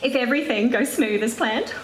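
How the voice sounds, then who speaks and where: A woman's voice: a little high, brisk, lightly acted. A woman on stage playing a bubbly, bumbling novice pantomime fairy, speaking in cheery, theatrical sing-song rhyme. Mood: excited, casting spell. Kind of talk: stage pantomime narration to the audience. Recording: echoey theatre stage, faint room noise.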